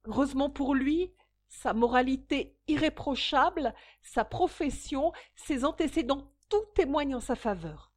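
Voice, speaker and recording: An agitated landlady mother pleads with rising, emotional insistence, voiced by a woman reading aloud. Her voice sits high and strained, close to breaking. This is a storybook reading. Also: expressive, unhurried. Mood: anxious pleading. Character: anxious, agitated middle-aged landlady mother.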